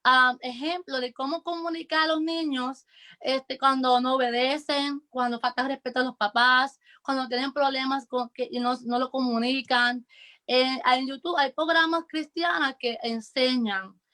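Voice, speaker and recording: A woman's voice: sits high, a bit bright. A woman co-hosting a church talk show, hesitant and searching for words with many fillers. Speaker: co-host.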